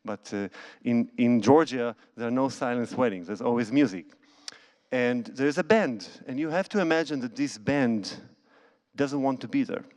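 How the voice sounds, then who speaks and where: This conductor and cellist talks to concertgoers from a church stage, holding a microphone in his hand. His mid-range voice has a somewhat dark tone and moves at a normal speed. His storytelling is relaxed, marked by non-native phrasing and restarts.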